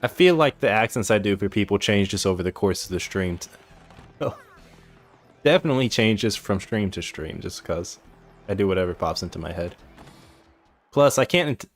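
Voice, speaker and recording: Low-voiced man casually narrating gameplay. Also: normal speed, pauses often, soft background music. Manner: relaxed, rambling, self-deprecating. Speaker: streamer.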